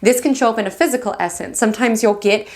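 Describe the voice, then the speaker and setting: Fast-talking encouraging astrology host, woman. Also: a little high. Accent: West Coast American. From United States. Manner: fast, excited, affectionate and encouraging. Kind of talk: weekly horoscope monologue.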